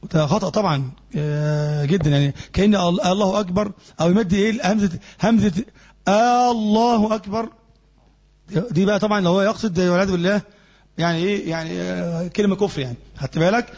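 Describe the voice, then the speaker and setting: A man's voice: sits high, steady tone, very fast, a little mellow, highs cut off. A man with an Egyptian accent teaching a classroom lesson as a sheikh, explaining points and asking the class rhetorical questions. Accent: Egyptian Arabic. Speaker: sheikh teaching Islamic jurisprudence.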